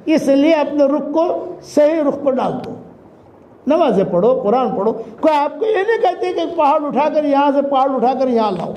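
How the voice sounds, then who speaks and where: A man preaching a sermon, shouting exhortations and chanting scripture. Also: very high voice, expressive, reverberant.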